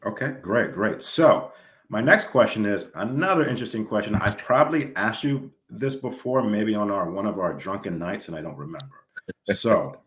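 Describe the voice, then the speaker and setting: A man hosts a casual video interview in a low, deep voice, upbeat and fond of doubling his words for emphasis. The sound is roomy, with noticeable echo around him. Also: lively intonation, normal speed, fairly bright tone. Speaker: host and filmmaker.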